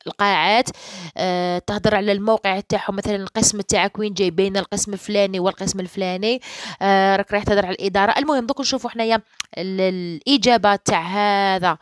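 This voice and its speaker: A woman English teacher with an Algerian Arabic accent, going through an exam solution in dialect and slowly reading the English sentences, and often asking "okay?". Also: mid-range voice, dry recording. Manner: slow, careful reading of English sentences, then explaining in dialect; keeps checking with "okay?".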